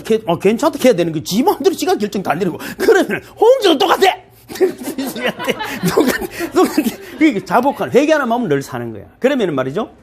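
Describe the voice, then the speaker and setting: A middle-aged man with a Gyeongsang Korean accent preaching a sermon as pastor, in a lively, folksy way with playful asides to the congregation. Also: on the high side, slight background noise. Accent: Gyeongsang Korean dialect.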